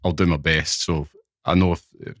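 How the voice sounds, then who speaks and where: Deep Glaswegian man hosting a podcast. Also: fairly even intonation, moderate pace, fairly bright tone, dry recording, studio quality. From Glasgow, Scotland. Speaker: podcast host. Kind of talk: podcast intro and interviewing.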